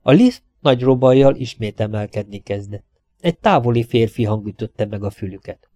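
Guy narrating a thriller audiobook, warm dark voice, dry close sound. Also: medium pitch, lively intonation, dry recording. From Hungary. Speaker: audiobook reader.

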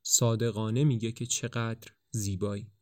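A man narrating the story of a play in a steady, colloquial way for a podcast. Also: lowish voice. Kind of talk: narrating a play in casual spoken Persian.

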